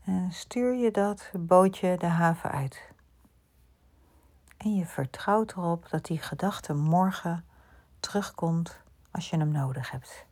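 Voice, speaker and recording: A woman leads a bedtime relaxation in a hushed voice that often drops to a whisper. Her pace is very slow and her tone is dark and mellow, with a breathy, husky edge and a fairly low pitch. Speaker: sleep meditation guide. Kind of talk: guided sleep relaxation.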